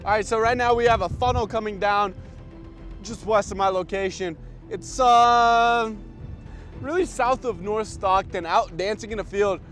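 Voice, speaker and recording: A man giving live on-scene storm-chasing commentary in an excited, raised voice. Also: sits high, a little slow, soft background music. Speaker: storm chaser.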